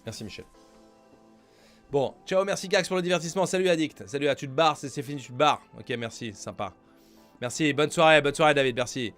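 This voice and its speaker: A man's voice: fairly high pitch, fast, fairly bright tone, soft background music. Joking man streaming live. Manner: joking, theatrical, mock-grandiose banter with chat. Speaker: streamer commenting a live game show. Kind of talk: casual live-stream chat.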